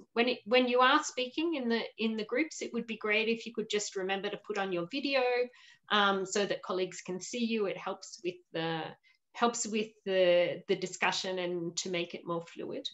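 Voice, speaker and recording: A woman's voice: medium pitch, a bit bright. A woman in her forties hosting an online panel session from home over a video call, upbeat and welcoming, with frequent fillers. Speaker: webinar host. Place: home room with shelves. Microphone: laptop webcam video call.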